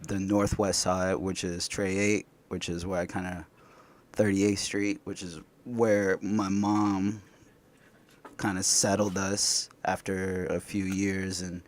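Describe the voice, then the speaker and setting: Guy in his 20s from indianapolis, real low voice, laid back and rambly. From Indianapolis, United States. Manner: relaxed, talks in loose rambling runs with many fillers. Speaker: guest. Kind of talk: casual conversation.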